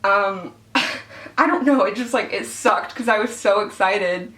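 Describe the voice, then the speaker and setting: A woman's voice: mid-range voice, a little slow, a bit bright. An American woman from Arkansas vlogging casually and candidly as she gets ready, her speech slightly altered by teeth whitening trays in her mouth. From Arkansas, southern United States. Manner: candid, informal, swearing, self-deprecating. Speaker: beauty vlogger. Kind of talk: casual chatty get-ready-with-me vlog. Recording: echoey room, distant microphone.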